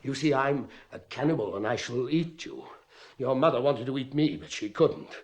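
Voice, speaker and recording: Playing a tortured, suspicious middle-aged cavalry captain in a 1950s radio drama, a male actor speaks at medium pitch and a moderate pace, close to an everyday voice. His delivery is impassioned and bitter, with a menacing mood.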